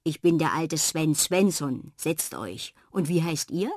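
A woman's voice: sits low, animated, measured pace, no echo. A woman voicing a friendly, welcoming old male magician in a storybook. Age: older. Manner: warm, welcoming, gentle.

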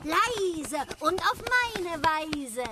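Krähe: stolze, reimende Krähe. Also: female voice, very high voice, very animated, drawn-out words, heavy background noise, full character voice. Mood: boastful. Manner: speaks in rhymes. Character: boastful rhyming female crow, proud flyer. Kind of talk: children's radio play.

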